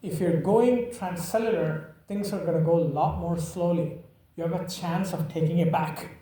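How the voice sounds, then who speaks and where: A man's voice: on the high side, fairly even intonation, moderate pace, mellow, slight background noise. A man lecturing a class in an emphatic, teasing way, repeating key points and checking that students follow. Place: lecture room. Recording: echoey room from far off.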